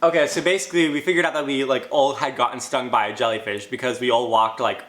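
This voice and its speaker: A young man in casual chat with his siblings, telling a story with excitement and acting out the quotes. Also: medium pitch, fast talker, roomy sound.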